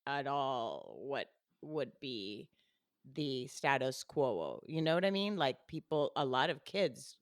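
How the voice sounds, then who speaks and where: A woman's voice: extremely low pitch, big pitch swings, slow, no echo, studio quality. A woman from Colombia, a native Spanish speaker, hosting a casual interview with many restarts. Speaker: podcast host.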